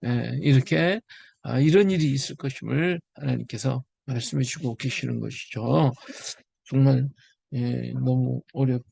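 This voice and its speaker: Gravelly older man preaching a casual sermon. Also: medium pitch, measured pace, dark tone, dry recording. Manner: conversational preaching, checks with the audience; reads scripture aloud, then acts out dialogue. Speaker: pastor. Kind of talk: sermon Bible study.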